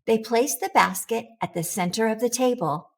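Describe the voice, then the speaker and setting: A woman reads a children's picture book aloud, expressive and deliberate for young listeners. Her voice is a little high, with a breathy edge.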